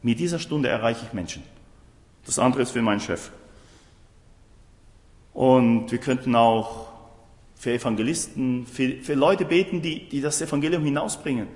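A man's voice: medium pitch, normal speed, pauses often, darkish tone. A man preaching a sermon emphatically, often putting rhetorical questions to his listeners. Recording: roomy hall with long reverb.

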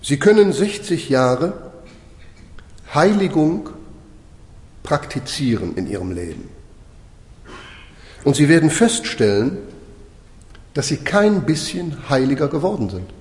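A man preaching a sermon with emphasis, slowing down to stress points and putting rhetorical questions to his listeners. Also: a little high, very animated, darkish tone. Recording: echoey hall with long reverb.

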